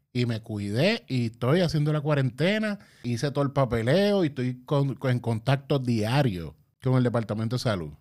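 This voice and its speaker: Man, Puerto Rican accent, mid-pitched voice, casual ranting monologue, blunt, heated, profane. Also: a little mellow.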